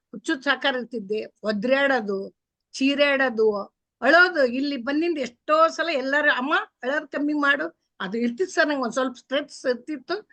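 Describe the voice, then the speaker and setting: High bright earnest woman, dry sound. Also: no room sound. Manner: earnest, addresses the coach as sir. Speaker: client sharing her story. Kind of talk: personal testimony.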